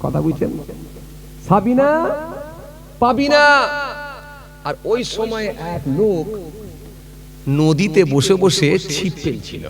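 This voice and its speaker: A man's voice: a little high, animated, a little slow, vocal fry. A man telling a folk story in a sermon at an outdoor gathering, often asking the crowd whether they follow. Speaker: preacher. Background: crowd noise.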